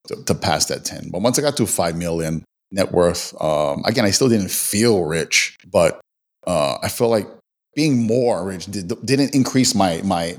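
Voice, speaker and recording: A man being interviewed in casual talk, often restarting and repeating words as he goes. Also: low-pitched. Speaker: podcast guest.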